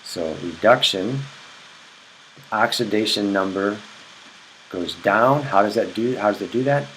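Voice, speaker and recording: A man's voice: on the low side, unhurried, fairly bright tone, slight background noise, rough recording. A man explaining chemistry in a recorded lecture, repeating key points and checking in with "okay?". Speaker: chemistry teacher.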